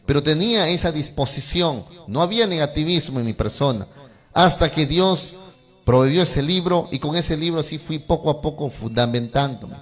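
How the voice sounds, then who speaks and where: A man's voice: a little high, lively intonation, moderate pace, a bit bright. A man, a pastor, telling his own story in a sermon and speaking earnestly to fellow pastors. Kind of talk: sermon testimony.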